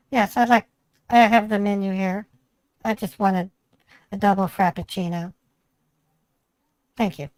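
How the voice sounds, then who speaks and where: A man's voice: sits high, darkish tone, dry recording, pitched above the performer's own voice, low-quality recording. A man putting on the voice of a stubborn, irritated woman bank customer who argues insistently and keeps repeating herself in an improvised phone prank. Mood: quiet, muttering.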